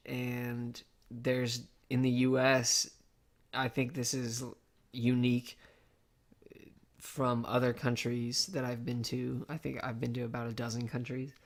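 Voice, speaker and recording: A man, co-hosting a casual podcast, jokey and quick to butt in with wisecracks. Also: medium pitch, gravelly, fairly bright tone. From Missouri, USA. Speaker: podcast co-host. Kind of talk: casual chat.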